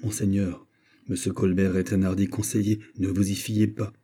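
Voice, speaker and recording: Loyal confidant read by a man; dark, husky, grave and urgent. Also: low voice, flat delivery, normal speed. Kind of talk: audiobook character reading.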